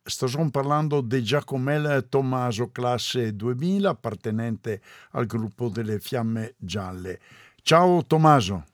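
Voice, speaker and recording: A man's voice: medium pitch, measured pace, no room sound, studio quality. A man with a northern Italian Trentino accent, hosting an informal radio interview in local dialect.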